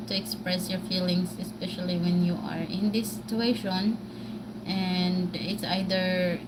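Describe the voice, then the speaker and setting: A woman vlogger with a Filipino Bisaya accent rants live to her viewers, rambling and often halting on filler words before starting over. Her voice is medium in pitch, and there's heavy background noise.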